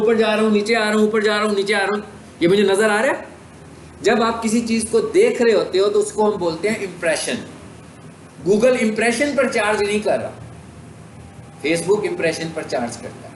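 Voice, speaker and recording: A Pakistani-accented man gives a classroom lecture, walking through each point step by step and posing questions only to answer them himself. His voice sits fairly high for a man. The room is echoey, with a faint hiss underneath. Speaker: digital marketing instructor.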